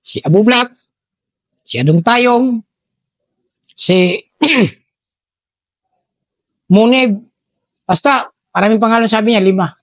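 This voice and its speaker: Dry-voiced soldier telling stories. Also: male voice, high-pitched, slow, pauses often, no room sound. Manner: animated, switches voices for quoted people. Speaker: retired army officer telling war stories. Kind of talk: storytelling, acting out dialogue.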